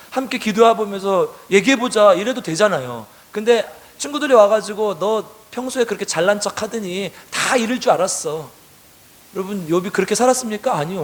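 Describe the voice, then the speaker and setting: High-voiced pastor preaching. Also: male voice. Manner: reads scripture slowly, then paraphrases in casual speech; asks the congregation direct questions. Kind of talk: sermon.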